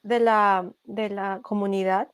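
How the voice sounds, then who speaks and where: A young Colombian woman giving a casual interview, speaking thoughtfully and pausing often with fillers and restarts. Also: mid-range voice, level tone, smooth, no room sound. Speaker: podcast creator, interview guest.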